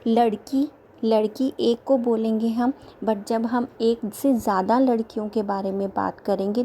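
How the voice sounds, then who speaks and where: A woman teaching a children's grammar lesson, slowly repeating each word pair and asking and answering her own questions, mixing English words into her speech. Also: fairly high pitch, dark tone, a little hiss or hum.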